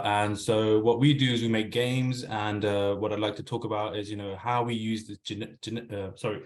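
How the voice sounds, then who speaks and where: A man introducing himself as a panelist and studio founder, relaxed and plain. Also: fairly low pitch.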